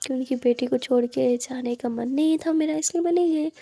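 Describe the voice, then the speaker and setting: A woman's voice: high-pitched, fairly quick, warm tone. A woman doing a teasing young lover. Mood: teasing, tender.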